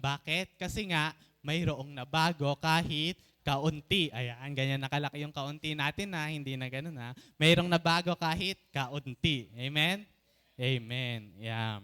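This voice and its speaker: A man preaching a sermon in Tagalog mixed with English, often asking the congregation for an amen and slowing down to stretch out key phrases. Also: on the high side, fairly bright tone, clear, resonant tone.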